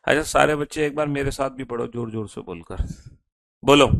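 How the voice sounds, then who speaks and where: Gravelly male online teacher coaxing students. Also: mid-range voice, fairly bright tone, no room sound. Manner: repetitive, coaxing, calls students beta; chants letter mnemonics slowly aloud.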